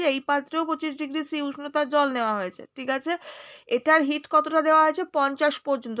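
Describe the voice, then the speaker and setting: Bengali lady teaching science, highish voice, kinda soft cuz she's not well, muffled lo-fi audio. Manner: reads questions aloud, then explains step by step with checking questions. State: slightly unwell, speaking softly. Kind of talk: explaining a science lesson.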